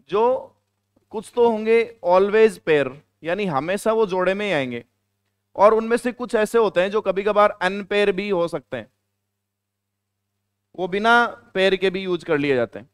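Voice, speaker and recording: A high-pitched man from India teaches a grammar class, playful and quick with jokes. His voice is smooth and clear, and the sound is dry, with little room echo. He repeats key words back and quizzes the class as he goes. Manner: playful, joking asides to students.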